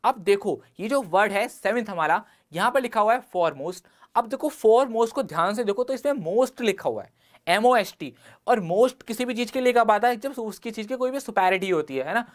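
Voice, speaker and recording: A man's voice: high-pitched, animated, normal speed. A man with an Indian English accent teaching an exam-prep vocabulary lesson, mixing Hindi and English and asking rhetorical questions to the class. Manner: explains words with everyday examples and rhetorical questions.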